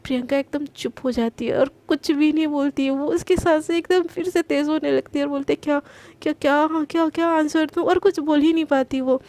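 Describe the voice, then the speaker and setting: High-voiced woman telling a love story. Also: brisk, few pauses, dark tone. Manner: chatty, repeats words, acts out dialogue. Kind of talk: casual storytelling narration.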